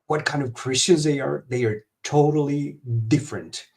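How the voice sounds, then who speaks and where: Halting man on a video call. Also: a little high, vocal fry, a little mellow. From Honduras. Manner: halting, many fillers and restarts. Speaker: guest. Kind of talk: live stream interview over video call.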